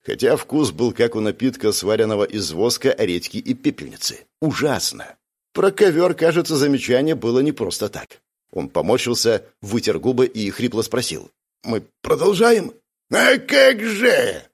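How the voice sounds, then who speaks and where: A man narrating a dark fantasy story with expressive, dramatic delivery. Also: mid-range voice, normal speed, slightly rough. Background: music.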